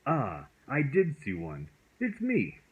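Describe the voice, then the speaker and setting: A man's voice: mid-range voice, huge pitch swings, slow pace, breathy edge, pitched above the performer's own voice, exaggerated voice. A man voicing a friendly, whimsical magic dragon in a storybook, with polite, quaintly formal talk. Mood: playful.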